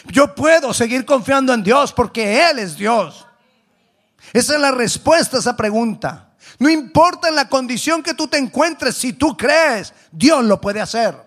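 Husky-voiced preacher guy, pretty high, goes big then drops low. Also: expressive, measured pace. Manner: swings between loud exhortation and hushed asides, acts out biblical voices. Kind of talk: sermon.

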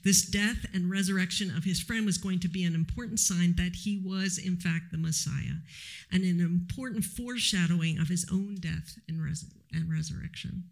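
A male preacher delivers a sermon in a measured, reflective way, pausing as he teaches. His voice sits high for a man and has a gravelly fry running through it. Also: fairly even intonation.

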